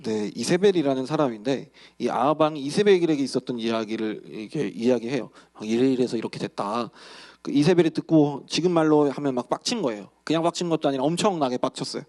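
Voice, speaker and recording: A young man, a youth pastor, telling a Bible story in a lively sermon and acting out the characters' lines. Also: medium pitch, quick pace, few pauses.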